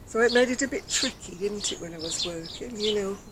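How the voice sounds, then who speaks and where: Outdoors on a decking next to a brick wall, an older woman who vlogs about crafts talks casually to a nearby camera over loud background noise. Her medium-pitched voice is very soft and quiet after throat surgery, and she rambles, teases herself and laughs quietly.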